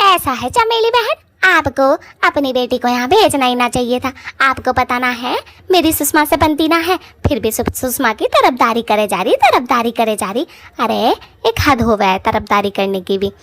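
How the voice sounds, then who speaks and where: A woman voicing a hostile, contemptuous sister-in-law in a cartoon, who shouts and threatens. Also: high voice, expressive, normal speed. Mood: angry.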